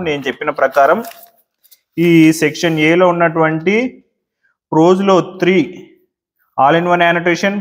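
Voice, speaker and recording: A man teaching exam tips, often repeating words slowly to show where the stress falls. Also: fairly high pitch.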